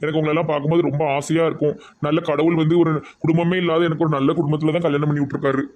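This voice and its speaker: Quick-talking cartoon son-in-law played by a man. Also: a little high, flat delivery, a little mellow, natural voice. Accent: Tirunelveli Tamil. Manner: polite, affectionate. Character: polite young man, new son-in-law.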